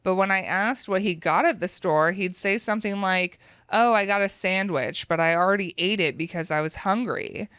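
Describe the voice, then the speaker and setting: A woman's voice: mid-range voice, moderate pace, few pauses, smooth, dry recording. American woman reading stories aloud, dry sound. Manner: animated, laughs often.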